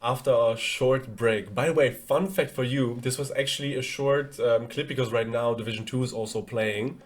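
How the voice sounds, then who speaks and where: A man's voice: mid-range voice, fairly even intonation, normal speed. A man casting a live esports stream, chatty and easygoing, with frequent "um" fillers. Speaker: esports caster.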